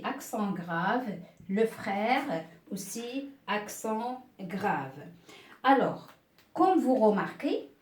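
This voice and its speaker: A woman teaching a beginner French lesson, speaking slowly and patiently, repeating each word and checking that pupils follow. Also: fairly high pitch, reverberant. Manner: slow, patient, repeats words and checks with "d'accord?".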